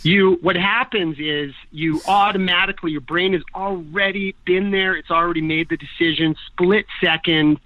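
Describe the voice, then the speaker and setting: A man's voice: high-pitched, moderate pace, hardly any pauses, no echo. A man from Canada, in his thirties, telling rambling, jokey stories in casual podcast talk. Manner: animated, jokey, rambling storyteller. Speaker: guest snowboarder. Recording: dry, tinny phone-like audio.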